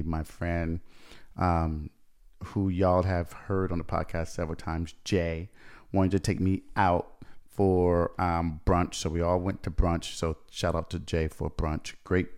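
A young man with a very deep, low-pitched voice hosts a relaxed podcast conversation. He talks in a chatty, easygoing way and laughs often. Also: smooth. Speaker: podcast host. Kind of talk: casual chat.

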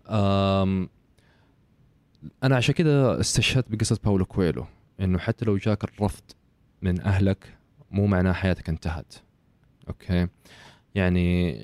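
Man, guest author, rapid and insistent, dry close mic. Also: low voice, mellow, no room sound. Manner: emphatic, lecturing, mixes in English phrases and frequent "okay". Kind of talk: casual conversational interview.

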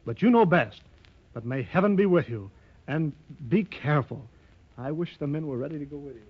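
Cautious second-in-command, husky voice, old radio adventure acting, dull lo-fi recording. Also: male voice, fairly high pitch, lively intonation, fairly quick. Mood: concerned.

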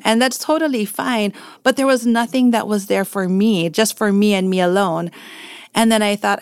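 A woman in her forties, a podcast guest telling her story in a casual, animated way, often laughing and acting out old conversations. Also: mid-range voice, clear, resonant tone, no room sound, clean studio sound. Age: 40s. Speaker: podcast guest, portrait photographer.

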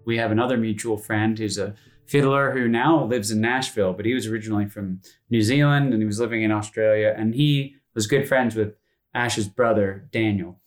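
A man in his thirties with a fairly low voice recounts his musical upbringing in an unhurried interview. He rambles a little, circling back with ums and restarts as he remembers. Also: faint music behind. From North Carolina, USA. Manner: relaxed, rambling with many fillers and restarts. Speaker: musician guest. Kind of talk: casual interview storytelling.

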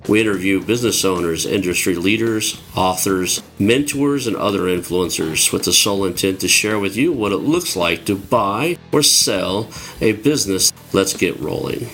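Faint music plays behind a man whose low, slightly bright voice moves at normal speed. He's hosting a podcast interview, chatting loosely with frequent restarts, stumbles and the filler "like."

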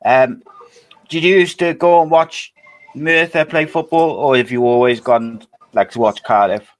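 Bloke doing a podcast interview, normal pitch, chatty and loose with his questions. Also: unhurried, no room sound, low-quality recording. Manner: informal, frequent "like" and tag questions. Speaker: podcast host. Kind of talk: casual conversational interviewing.

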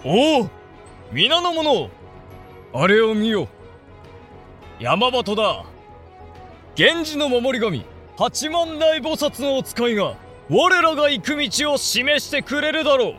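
A man's voice: very high voice, sing-song, slow pace, pauses often, pushed and bright, soft background music, exaggerated voice. A man playing a proud samurai commander, proclaiming grandly to his army like a town crier in a period drama. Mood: resolute. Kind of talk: period audio drama acting.

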